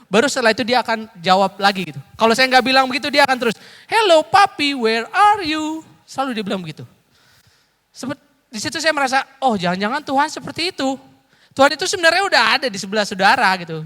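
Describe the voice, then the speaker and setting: A man in his thirties delivers a lively sermon, joking and calling out questions to the congregation. His voice sits high and sounds bright and forceful. It rings with the long reverb of a church sanctuary. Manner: chatty, joking, calls out to the congregation. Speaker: evangelist preacher. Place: church sanctuary during a service. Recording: live church hall reverb.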